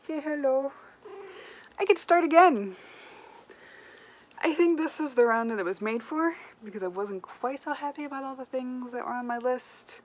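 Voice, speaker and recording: A woman book vlogger chats casually to camera while playing a reading-list game, thinking aloud as she goes. Her voice is high-pitched and the recording is rough.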